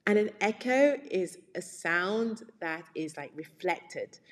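A woman's voice: on the low side, animated, slow pace, in a large hall. A woman teaching English, reading a children's story aloud and patiently explaining words along the way.

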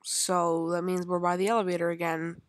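A young woman gamer talks her way through a level in loose, rambling commentary, half to herself and half to her viewers. Her voice sits on the low side for a woman, and it is recorded close and dry with no room sound. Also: little pitch movement, normal speed, no room sound. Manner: chatty and rambling, talks to herself while playing. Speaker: gaming channel host. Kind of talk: casual gameplay commentary.

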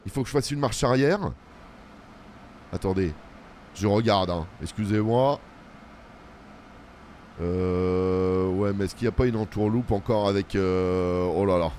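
Man, lowish voice, casual gameplay commentary, chatty, self-mocking, talks to viewers, mutters to himself. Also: a little slow, pauses often, a little mellow, a little hiss or hum. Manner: mutters running remarks to himself while playing. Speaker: let's play host.

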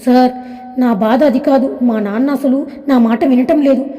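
A woman's voice: high voice, normal speed, mellow, long reverb tail, close to an everyday voice. A woman voicing a hurt young woman who pleads tearfully with her father.

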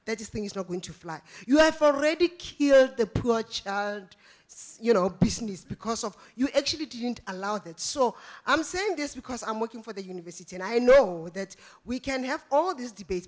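A woman in the audience giving an impassioned comment into a handheld microphone in a large conference hall, slowing down to stress her points. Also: fairly high pitch. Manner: emphatic, insistent, slows down to stress points. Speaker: audience member at a panel, university staff.

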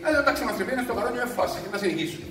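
A man's voice: sits high, expressive. A man voicing a master electrician who gives brusque orders to his young apprentice. He speaks with a Cypriot Greek accent. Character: grown male master electrician, gruff boss. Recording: echoey distant recording with music.

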